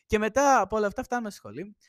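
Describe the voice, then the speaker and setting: Young man, high-pitched, rambling podcast chat, laughs a lot, dry close mic. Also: big pitch swings, no room sound. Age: young adult. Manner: chatty, rambling, laughs often. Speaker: podcast host. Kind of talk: casual chat. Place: indoors at a home. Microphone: shared single microphone.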